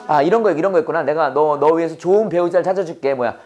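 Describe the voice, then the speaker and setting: A man's voice: fairly high pitch, racing, a little mellow. A Korean-speaking man teaching a Bible-based English lesson to a class. He drills phrases with call-and-response and laughs often.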